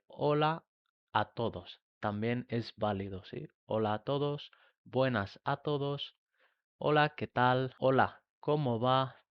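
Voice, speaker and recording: A man from teaching a beginner Spanish lesson, slowly modelling pronunciation and often checking that learners follow. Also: mid-range voice, dry recording, highs cut off. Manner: slow, emphatic modelling of pronunciation with frequent checks.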